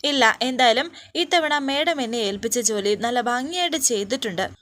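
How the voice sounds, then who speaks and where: A woman's voice: a little high, animated, normal speed, a bit bright. A woman voicing an eager young woman reporting to her boss in a storybook retelling. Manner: eager, reassuring.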